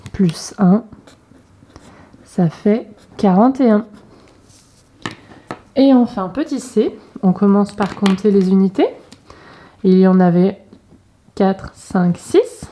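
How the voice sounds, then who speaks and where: A woman teaching young pupils at a distance, slowly and clearly walking them through reading and maths exercises, naming each picture in turn. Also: medium pitch, warm tone, a little hiss or hum. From France. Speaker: primary school teacher. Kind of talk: remote lesson instructions to young pupils.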